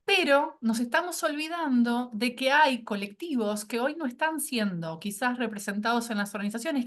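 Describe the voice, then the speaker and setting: A woman instructor presenting a course. She is a bit sick with a cold and keeps checking in with her listeners through tag questions and hesitant fillers. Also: a little high. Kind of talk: online presentation.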